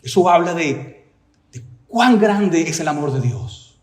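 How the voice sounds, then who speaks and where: Male preacher, fairly high voice, emphatic rhetorical delivery, roomy echo. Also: big pitch swings, slow, darkish tone. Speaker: pastor. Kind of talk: sermon.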